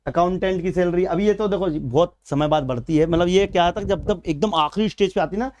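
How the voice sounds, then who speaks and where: A man with a Madhya Pradesh Hindi accent runs a live exam-prep class. His voice sits high and sounds smooth and clear. He talks to the students informally and calls them beta and bhaiya. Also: a little fast, a little mellow. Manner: chatty, addresses viewers as beta and bhaiya. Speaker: exam coaching teacher.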